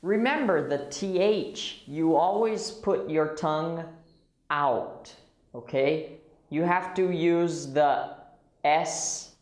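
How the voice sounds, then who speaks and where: A man teaching English pronunciation, slowly repeating single words and patiently explaining the sounds. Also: fairly high pitch, roomy sound. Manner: slow, patient, models words in isolation. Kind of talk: pronunciation drill lesson.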